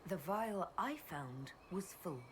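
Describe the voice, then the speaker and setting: An actress voices a composed military leader heroine in a video game, speaking calmly, directly and in a probing way. Her female voice is fairly low-pitched and slow, with a noisy background.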